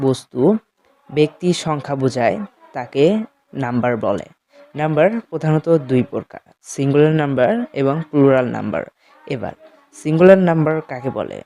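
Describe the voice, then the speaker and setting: A man teaching beginners in a slow, explanatory way with a Bengali accent, talking directly to his students. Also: mid-range voice, warm tone. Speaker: English teacher. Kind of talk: spoken lesson.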